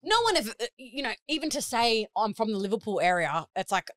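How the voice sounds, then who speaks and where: A woman's voice: fairly high pitch, big pitch swings, fast talker, fairly bright tone, no room sound, clean studio sound. An Australian woman hosting a podcast in casual chat, talking earnestly and with feeling. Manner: earnest, emotional, heartfelt. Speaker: podcast host.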